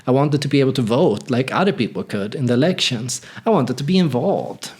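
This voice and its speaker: A man's voice: mid-range voice, lively intonation, a little fast, darkish tone, husky. A man from northern Sweden, telling a personal story in a candid, reflective, conversational way. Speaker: channel host.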